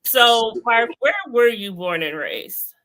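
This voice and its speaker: Woman, interview host, slow pace, bright tone, laughs easily. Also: on the high side, animated. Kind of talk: casual online interview.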